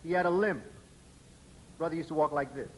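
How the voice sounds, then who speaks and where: A man with a somewhat high voice for a man lectures to the public, pausing deliberately to spell out individual letters with emphasis. Faint hiss can be heard under the recording.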